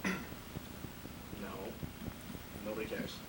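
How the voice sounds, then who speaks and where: A man's voice: very slow, reverberant. A man playing a cocky teenage football star interviewed in a parody newscast. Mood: cocky, offhand. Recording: distant mic, faint room noise.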